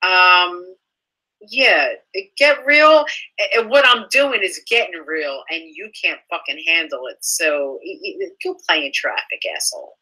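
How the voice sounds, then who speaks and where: A woman's voice: fairly low pitch, pushed and bright, breathy edge, poor audio. A young woman reading out online comments and answering them in an indignant, sarcastic, profane rant, stumbling and restarting as she talks. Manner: halting with frequent restarts. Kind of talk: casual ranting commentary.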